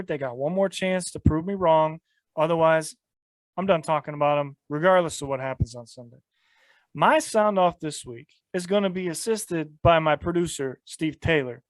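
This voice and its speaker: A man's voice: a little high, no echo. A man co-hosting a sports talk show, delivering a heated, emphatic rant full of rhetorical questions.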